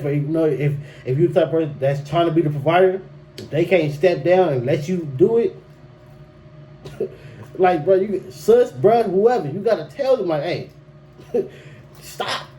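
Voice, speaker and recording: This laid-back young man hosts a solo podcast offering relationship advice, his high, warm voice animated yet unhurried. He speaks loosely and emphatically, repeating himself, restarting often, and saying "bruh"; the low-quality recording has faint background noise.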